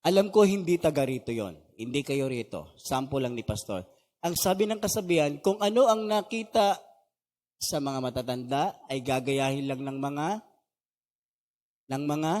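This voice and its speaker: Pastor lecturing in an echoing hall. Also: male voice, medium pitch, darkish tone. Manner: conversational, asks the audience questions; mixes English phrases into his talk. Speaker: pastor leading a values seminar. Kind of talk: seminar lecture to a live audience. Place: meeting hall with an audience. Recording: reverberant hall.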